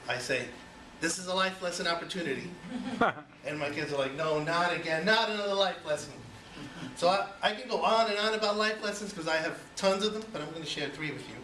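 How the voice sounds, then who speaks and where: This Cuban-born man in his forties speaks at a fairly high pitch with a bright, forceful tone while delivering an icebreaker speech about himself. His chatty delivery leans on frequent "you know"s and questions posed to the crowd. Heard from far off in a reverberant room, the audio carries plenty of noise.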